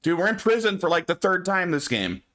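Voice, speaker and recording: A man's voice: high voice, big pitch swings, fairly quick, a bit bright. A man giving casual, jokey, slangy commentary as he plays a video game.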